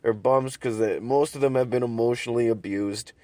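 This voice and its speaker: A man's voice: mid-range voice, fairly even intonation, fairly quick, a little mellow, no room sound. Man, podcast host, rambling profane storytelling, many restarts, dry close sound. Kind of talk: casual storytelling monologue. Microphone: sitting in his car.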